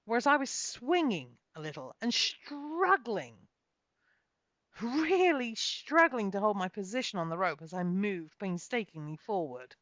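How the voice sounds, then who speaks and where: A woman author with a fairly low, somewhat bright voice reads her own fantasy novel as a dramatic first-person storyteller. It's a home recording that sounds muffled and echoey.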